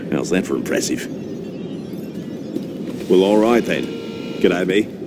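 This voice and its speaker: Deep-voiced, sheepish tech geek. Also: male voice, very animated, exaggerated voice. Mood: sheepish, proud. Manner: halting, stammering. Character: awkward, sheepish mother's boy technician, proud of skills. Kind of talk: video game character acting. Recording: loud background noise.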